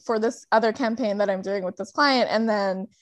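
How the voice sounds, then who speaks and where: A woman co-hosting a podcast, chatting excitedly and laughing often. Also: mid-range voice, normal speed. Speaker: podcast co-host. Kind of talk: casual chat.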